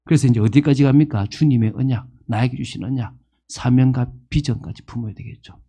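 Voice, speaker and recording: Pastor, man in his fifties, sermon delivery, animated and questioning, warm and husky tone. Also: mid-range voice, fairly quick. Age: 50s. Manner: animated, asks the congregation questions and acts out quoted people.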